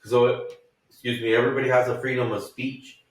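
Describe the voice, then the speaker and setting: Off-mic in an echoey room, an American man in his thirties retells a story casually and profanely, rambling and acting out quoted lines with animation. He speaks a little fast at medium pitch.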